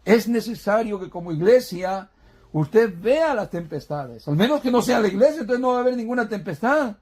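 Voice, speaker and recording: A man's voice: high voice, expressive, moderate pace, a little mellow. A man preaching a sermon in a church, asking the congregation questions and calling them brothers, often repeating and restarting words as he teaches.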